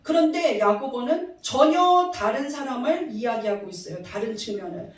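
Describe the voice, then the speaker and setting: A woman's voice: on the high side, expressive, normal speed. A woman pastor preaching a sermon, asking the congregation questions and leading them in reading aloud. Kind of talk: sermon with call-and-response. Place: church sanctuary. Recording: very echoey hall, voice from a distance.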